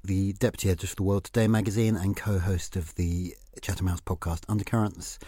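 Male podcast host, low husky voice, wry rambling banter. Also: flat delivery, quick pace, dark tone, no room sound. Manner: dry, self-deprecating, rambling. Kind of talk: casual chat. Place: small dark podcast studio.

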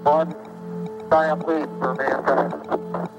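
A male astronaut speaks in very slow, halting phrases through a breaking-up space radio transmission. The sound is dull and muffled like an old archive clip. Loud music plays beneath him. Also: on the high side, flat delivery.

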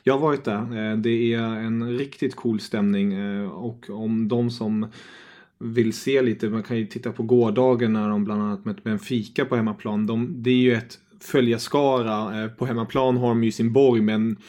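A man's voice: lowish voice, fairly even intonation, darkish tone. A man from Germany, a guest on a football podcast, talking casually and hesitantly with many fillers.

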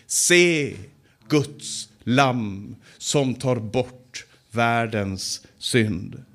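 A man preaches at a Bible conference, with a pitch that sits in the middle of a man's range. He moves between loud, stressed lines and slow, hushed ones. He repeats his key phrases to drive them home. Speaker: Bible teacher. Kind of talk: sermon.

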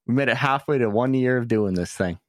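A man co-hosts a casual podcast, talking like a fan with heavy slang, swearing, and lots of filler. His voice is medium-pitched and a little fast, with no echo.

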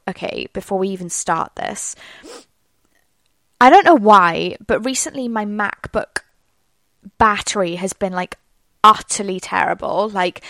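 A young Welsh woman hosts her own solo podcast, chatting casually in a rambling monologue full of fillers. Her mid-range voice has a fairly bright tone, recorded with no room sound.

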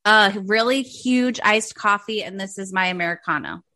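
A woman's voice: medium pitch, moderate pace, bright, forceful tone. A woman in her thirties co-hosting a podcast in casual chat, playful, jokey and a bit dramatic. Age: 30s. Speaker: podcast co-host.

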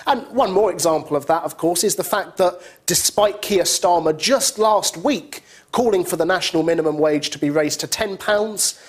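A man giving studio political commentary, brisk and explanatory with a scornful edge. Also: sits high.

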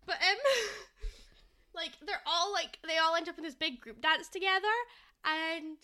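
A woman co-hosting a podcast in casual chat, animated and laughing often as she retells scenes. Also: very high voice, a little slow. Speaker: podcast co-host.

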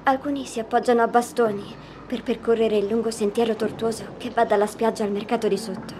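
A calm, hushed young girl recounts her dream in a high, light voice, as voiced by a woman. Faint ambient sound hums behind her in this audio drama. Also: fairly quick, noisy background, close to an everyday voice. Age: child figure.

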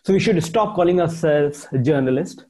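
A man's voice: on the high side, animated, normal speed, darkish tone. A man with a North Indian accent giving conversational interview answers, emphatic, repeating phrases and slipping Hindi into English. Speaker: interviewed journalist and author.

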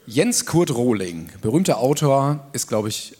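Male podcast host reading a comedy story on a live stage, animated pitch, reverberant hall. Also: unhurried, slightly rough. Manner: animated, jokey narration with asides.

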